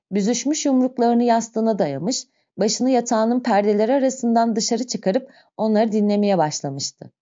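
A woman narrating a novel as an audiobook in slow, measured storytelling, on a dull lo-fi recording. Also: fairly high pitch, dark tone.

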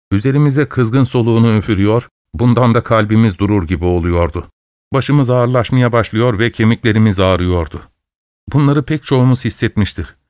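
A proud, cheerful tunnel worker , as a man reads him, telling his tale in a gentle, unhurried way. His voice is smooth and clear. The sound is dry and close. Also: fairly low pitch, no room sound, lightly acted.

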